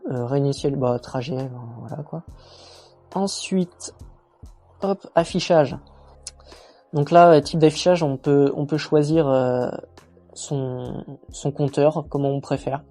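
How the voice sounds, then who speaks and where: A man giving a casual, chatty motorcycle walkthrough, relaxed and full of fillers and self-mocking jokes. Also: a little high, a little slow, pauses often, faint music behind. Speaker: motorcycle reviewer.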